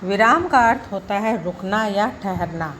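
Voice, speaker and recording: A woman teacher giving a school grammar lesson, explaining slowly and deliberately with examples. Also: mid-range voice, expressive, a bit bright, slight background noise.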